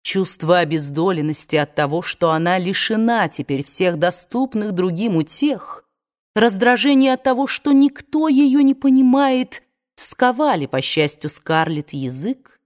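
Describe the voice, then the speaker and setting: A woman narrating a novel aloud in a measured, expressive reading. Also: medium pitch. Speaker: audiobook reader. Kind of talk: scripted narration.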